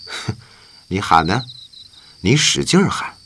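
Guy putting on a slow jeering kidnapper voice, swings all over, music behind. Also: mid-range voice, wildly swooping pitch, a bit bright, slight background noise, full character voice. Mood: menacing. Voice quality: jeering, scornful laughs. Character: sneering greedy male kidnapper, mocking. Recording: background music.

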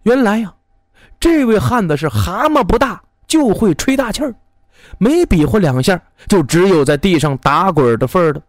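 Lively, animated male storyteller. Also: high-pitched, moderate pace, dry recording, studio quality. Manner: lively and expressive, many voices.

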